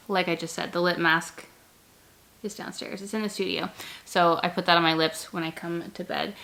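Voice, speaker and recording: A woman's voice: lowish voice, a bit bright. A woman chatting casually and effusively as a vlogger, with a slight lisp from wearing retainers. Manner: effusive, gushing about products. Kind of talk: casual chatty product vlog. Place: bedroom, on the bed.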